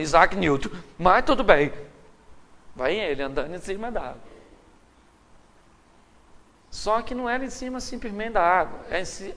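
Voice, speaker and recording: A Brazilian Portuguese-accented man preaching a sermon to a live audience, telling stories with humor and acting out the quotes. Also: high-pitched. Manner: humorous, animated storytelling with acted quotes. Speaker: pastor. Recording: live hall recording with long reverb.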